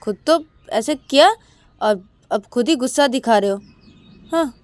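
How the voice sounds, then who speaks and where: A young woman with a raised, coaxing voice who repeats gentle phrases, as a woman storyteller puts her on. She sits a little higher than the narrator. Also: expressive, fast, no room sound, close to an everyday voice. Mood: accusing. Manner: coaxing, repeats soothing words. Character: young woman Siya, sharp then soothing.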